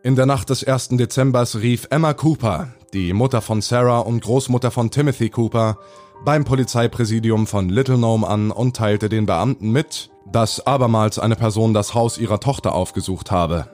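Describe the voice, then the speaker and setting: A man's voice: medium pitch, moderate pace, darkish tone, soft background music. A man narrating a scripted horror audio drama in a formal, report-like way.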